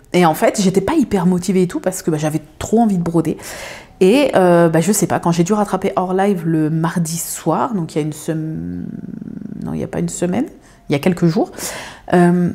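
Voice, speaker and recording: Chatty woman, mellow low voice. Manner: rambling, many fillers and restarts. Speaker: craft video creator. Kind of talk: casual chat to viewers. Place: home.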